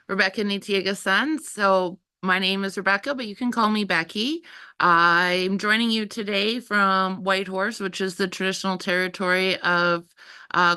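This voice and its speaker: A woman's voice: medium pitch, sharp tone, smooth. A woman from Saskatchewan with a Canadian accent, an academic panelist introducing herself informally on a video call.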